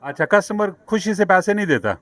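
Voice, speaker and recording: A man's voice: high voice, animated, a little fast, no room sound. A man with a Pakistani accent interviewing stallholders at an outdoor street market, repeating their answers back as questions. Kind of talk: vox-pop street interview.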